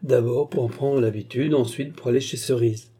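A man voicing a gentle, affectionate young woman who is firm about what she wants, in an audiobook. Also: medium pitch, steady tone, moderate pace, husky, lightly acted. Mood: matter-of-fact. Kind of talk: audiobook character voice.

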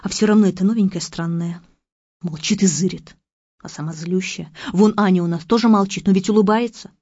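Brief: woman playing a nosy, plaintive young mother-to-be, soft dark voice, audiobook. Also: mid-range voice, fairly quick, dry recording, highs cut off, close to an everyday voice. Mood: gossipy. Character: young pregnant woman, simple-hearted and nosy.

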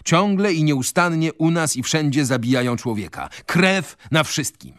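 A man's voice: a little high, very animated, normal speed, fairly bright tone, no echo, clean studio sound, pitched above the performer's own voice. A man voicing a fiery young revolutionary. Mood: fervent. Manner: fervent, declamatory. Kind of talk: radio reading of a novel.

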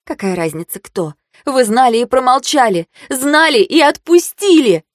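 A woman voicing a desperate, hot-tempered young sorceress who shouts and pleads. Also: fairly high pitch, lively intonation, normal speed, no echo, studio quality, natural voice. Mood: pleading.

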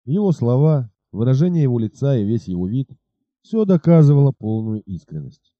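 A man reading an adventure novel aloud as a narrator, dramatic and lively. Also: mid-range voice, moderate pace, dry recording, dull audio. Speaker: audiobook narrator. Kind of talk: expressive scripted narration.

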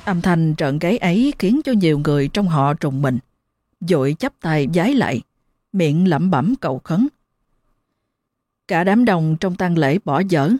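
A woman narrating a ghost story in a dramatic, expressive way. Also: low-pitched, dry recording.

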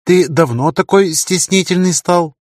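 A man voicing a sleepy, teasing, sharp-tongued young woman in an audiobook. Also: high-pitched, a little slow, dry recording, clean studio sound, voice pushed up.

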